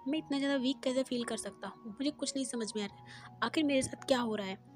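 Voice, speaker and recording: An emotional young man confronts his doctor, demanding answers and stammering when shaken, voiced by a woman narrator. The voice sits a little high with faint music underneath. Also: quick pace, close to an everyday voice. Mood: angry. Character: upset young male patient, emotional and angry.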